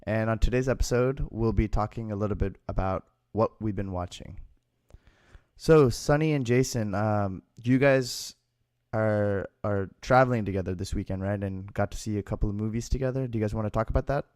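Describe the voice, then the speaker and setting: A man's voice: fairly low pitch, normal speed, a little mellow, no echo, studio quality. A man hosting a podcast, asking questions in a casual, hesitant way with fillers. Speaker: podcast host. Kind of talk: casual chat.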